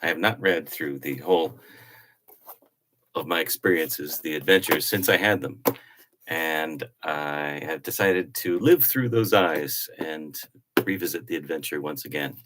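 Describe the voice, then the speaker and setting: Man, middle-aged, very low voice, casual diary reading, chatty with fillers. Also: unhurried, background noise. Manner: chatty, with fillers and self-corrections. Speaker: vlogger reading his old travel journal.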